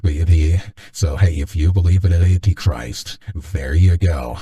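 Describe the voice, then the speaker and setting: Male stream host with a deep voice-changer voice, extremely low, rambling and joking. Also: a little slow, warm tone. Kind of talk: casual stream chat.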